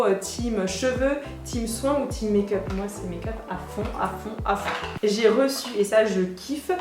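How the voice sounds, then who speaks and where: A young woman beauty vlogger chatting excitedly through a product unboxing, with lots of hesitations. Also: high-pitched. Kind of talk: casual product unboxing chat. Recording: echoey room.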